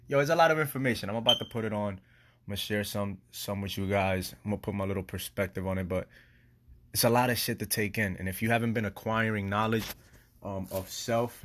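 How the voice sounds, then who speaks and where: A man's voice: on the low side, a bit bright. A man in a casual, rambling late-night chat as a host, slangy and sweary, repeating himself as he searches for words. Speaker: host sharing and reacting to a video.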